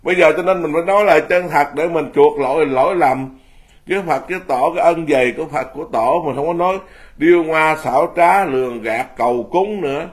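A man's voice: on the high side, a little fast. A man in his fifties, a Buddhist monk giving an informal talk, blunt and self-mocking, laughing often as he speaks.

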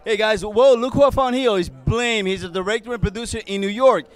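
A middle-aged male TV host conducts red-carpet interviews with guests in an indoor event lobby, joking and playful, holding a handheld microphone and moving between English and Spanish. His voice is high-pitched, with fairly level intonation and a moderate pace.

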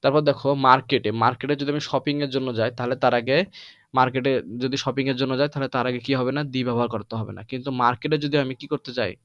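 A male teacher gives a grammar lesson, explaining in Bengali and reading English example sentences slowly. He keeps asking the class questions and answering them himself. The recording sounds dry and a little dull. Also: mid-range voice, fairly even intonation, fairly bright tone, dry recording. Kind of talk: lecture to students.

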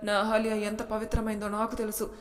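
A woman's voice: medium pitch, completely flat delivery, a little fast, close to an everyday voice. A woman voicing an earnest young husband who questions and defends his wife, near her own voice. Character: young husband, trusting then angry. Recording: long reverb.

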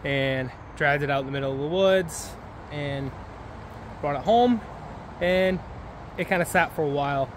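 A man's voice: fairly high pitch, a little slow, pauses often, slight background noise. A man in his thirties casually walking through a go-kart repair for his vlog, rambling with fillers, filmed outdoors on a handheld camera. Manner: laid-back, rambling with fillers. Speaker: vlogger. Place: outdoor yard by woods. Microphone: handheld camera at arm's length.

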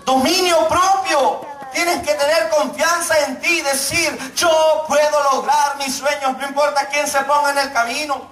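A middle-aged pastor preaching a sermon, joking and calling out to his congregation, then slowing down to stress his points. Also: very high-pitched, flat delivery, a bit bright, far from the mic. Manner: joking, calls out to the congregation, preaches slowly for emphasis. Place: church hall. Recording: echoey church room, mic from afar.

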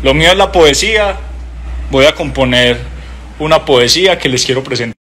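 A man's voice: mid-range voice, normal speed, a bit bright, a little hiss or hum. A man recites joking verses, using crude slang.

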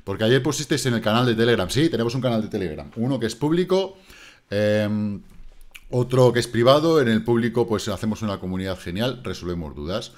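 A man's voice: lowish voice, animated, brisk. A man with a Spain Spanish accent giving casual crypto market commentary as host, blunt and mocking, swearing casually. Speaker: crypto trading YouTuber. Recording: distant megaphone-shouted opening.

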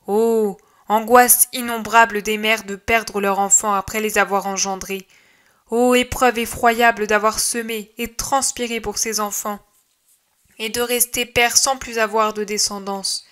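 A woman reader voicing Jesus as a gentle male preacher, speaking to a crowd in a solemn, measured way for an audiobook. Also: medium pitch, steady tone, natural voice.

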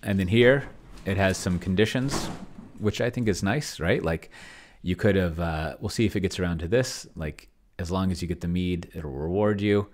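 In a home room lined with shelves, a middle-aged man tests an AI dungeon master as a solo roleplayer, rambling and muttering to himself while he reads and types on a screen share. His deep voice moves at normal speed and sounds a little mellow.

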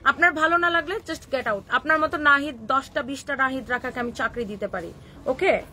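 A woman's voice: high voice, normal speed, sharp tone, slight background noise. Defiant woman with a Kishoreganj accent. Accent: Kishoreganj Bengali. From Bangladesh. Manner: scolding, defiant, mixes English words into Bengali. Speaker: clothing shop owner hosting a live stream. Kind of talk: live stream reply to viewer comments.

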